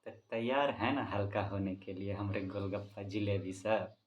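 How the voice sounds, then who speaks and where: A man's voice: lowish voice, fairly even intonation, moderate pace, lo-fi sound. A man teacher with a Bihari accent tells his class a joke in a playful, casual way and keeps breaking into laughter. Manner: speaks to students directly.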